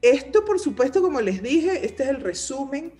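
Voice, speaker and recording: A woman's voice: high-pitched, very animated, moderate pace, mellow, soft background music. A woman trainer giving an informal lecture on leadership communication, explaining points and checking in with the audience with frequent questions.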